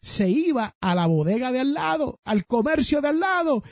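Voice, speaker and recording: A Puerto Rican man hosting a personal finance podcast, telling stories in an animated way and speaking straight to his listeners. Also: extremely high pitch, moderate pace, dry recording. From Puerto Rico. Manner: animated storytelling, addresses listeners directly. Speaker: podcast host.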